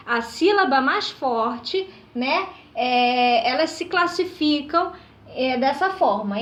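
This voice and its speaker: Woman teacher, high voice, patient and step-by-step, often checks "right?", roomy echo. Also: a bit bright. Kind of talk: recorded classroom lesson. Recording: echoey room.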